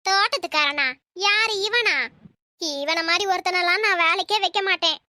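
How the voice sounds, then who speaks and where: Woman doing a shrill, bright-voiced old cartoon mother-in-law, always suspicious and scolding, in a dry close recording. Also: normal speed, dry recording, exaggerated voice. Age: older. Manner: shrill, accusing, wailing complaints. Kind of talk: cartoon voice acting.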